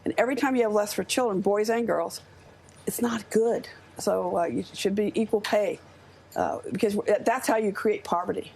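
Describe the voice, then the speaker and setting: An American woman in her seventies speaks as a guest on live television news, and her voice carries a gravelly rasp. She talks with earnest, impassioned conviction at an ordinary middle pitch, with a faint hiss of noise underneath. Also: moderate pace, a little mellow. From United States. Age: 70s. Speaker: studio guest.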